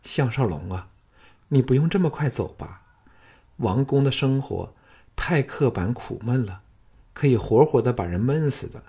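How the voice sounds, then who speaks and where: A male narrator voicing a tender, wistful young palace consort in a raised, hushed voice. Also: mid-range voice, animated, normal speed, slightly rough. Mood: melancholy.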